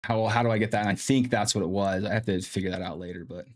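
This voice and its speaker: Quick-paced and steady in tone, this low-voiced man hosts a casual live stream, chatting and reasoning aloud while troubleshooting his mic and sound. The setup is a streaming mic with in-ear monitoring, and faint music sits in the background.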